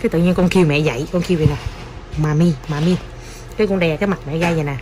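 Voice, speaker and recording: A woman's voice: fairly low pitch, rapid-fire, a little mellow. A woman with a Southern Vietnamese accent, a mother at home teasing and coaxing her toddler in a casual vlog. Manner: playful, teasing, coaxing baby talk.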